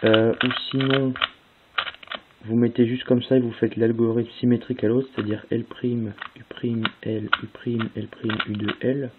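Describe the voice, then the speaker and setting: Young male tutorial host, relaxed and chatty, reads out move sequences; lo-fi audio with faint hiss. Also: medium pitch, moderate pace. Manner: casual, spells out move sequences step by step with fillers. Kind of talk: casual tutorial explanation.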